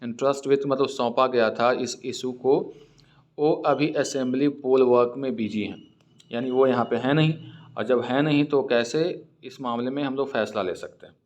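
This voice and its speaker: A man with an Indian accent, teaching English by reading editorial lines slowly and then explaining word meanings in Hindi. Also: mid-range voice, dull audio.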